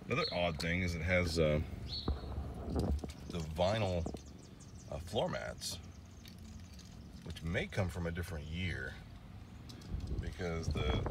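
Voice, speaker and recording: With an extremely low pitch and a noisy backdrop, a classic car vlogger walks around an old vehicle in the open air. His narration is casual and meandering, chatty, with filler-laden pauses and restarts.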